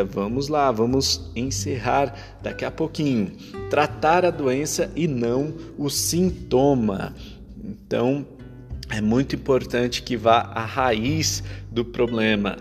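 A man giving couples relationship advice in a measured, counselling tone, sometimes restarting a phrase. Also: mid-range voice, gravelly, darkish tone. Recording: long reverb with faint guitar music behind.

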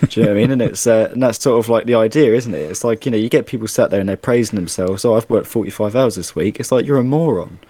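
A man in casual chat, talking in an animated, exasperated rant with plenty of asides. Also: fairly low pitch, very fast, hardly any pauses, no echo.

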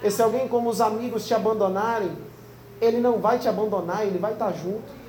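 A man's voice: sits high, fairly even intonation, brisk, a little mellow. A man preaching as a pastor in a church hall, with an impassioned, repetitive cadence. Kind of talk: sermon. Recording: roomy hall with faint noise.

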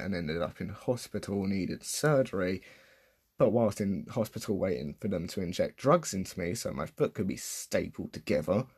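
A man's voice: on the low side, a little mellow, breathy edge. A young man giving casual, unscripted commentary in a sarcastic, self-mocking and profane way. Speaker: vlogger.

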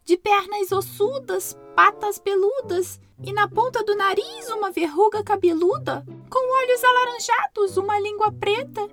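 A tiny, quick-witted mouse squeaks along in a very high, piping voice. He is cocky and playful, with a lilt, a storybook hero over soft music. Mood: mocking, wary. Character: small clever boastful male mouse.

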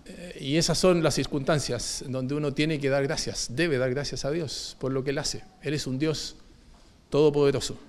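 A man preaching a sermon, moving between emphatic declarations and hushed, low repetitions of key phrases. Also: steady tone, moderate pace.

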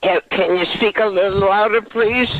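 A man's voice: high-pitched, fairly even intonation, no echo. A man putting on a confused, forgetful old woman in a prank call, asking the same muddled questions over and over. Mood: befuddled. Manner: repeats questions, muddled and slow to follow. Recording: tinny phone line.

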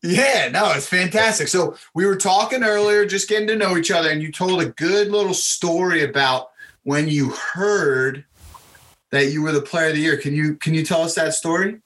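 Man, podcast host, tense bright voice, slightly high, upbeat, encouraging. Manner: upbeat, encouraging, quick to laugh. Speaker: host, head basketball coach. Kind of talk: casual podcast interview.

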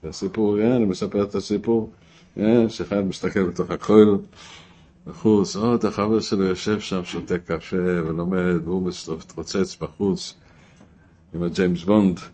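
A man with a very low voice delivers a Torah lesson built on stories. He keeps asking his listeners rhetorical questions. His level swings between quiet, low asides and loud cries. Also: fairly even intonation. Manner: storytelling, rises to shouting at emotional peaks; asks rhetorical questions, drops to a low murmur. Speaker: rabbi teaching Torah.

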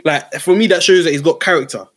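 A man's voice: fairly high pitch, fast, fairly bright tone, husky. A young man with a London roadman accent chatting casually about sport, slangy and emphatic, often repeating phrases for effect. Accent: London, urban roadman slang. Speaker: football podcast co-host.

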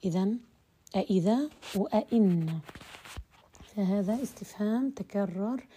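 A woman giving a voice-message lesson on Quran recitation terms, explaining slowly with hesitations and drawn-out example words. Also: mid-range voice, expressive, warm tone, slight background noise.

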